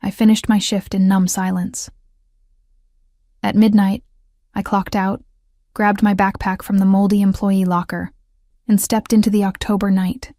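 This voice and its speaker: Brief: woman audiobook narrator, measured first-person storytelling, dark steady tone, monotone, close studio mic. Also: mid-range voice, no echo.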